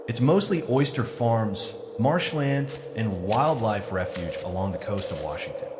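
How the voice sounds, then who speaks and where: Low-voiced man narrating suspenseful horror. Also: expressive, unhurried, heavy background noise. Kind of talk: scripted first-person horror narration.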